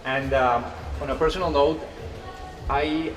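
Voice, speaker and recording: A middle-aged man from Colombia with a Colombian Spanish accent, asking halting, admiring interview questions in a hotel lounge. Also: a little high, steady tone, noisy background. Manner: halting, many restarts, admiring. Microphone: handheld recorder.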